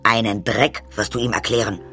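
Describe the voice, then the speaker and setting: A man playing a grumpy craftsman, gruff, snappish, low, gravelly. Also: wildly swooping pitch, a little fast, faint music behind, full character voice. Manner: grumbling, snappish. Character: gruff grumbling old master craftsman.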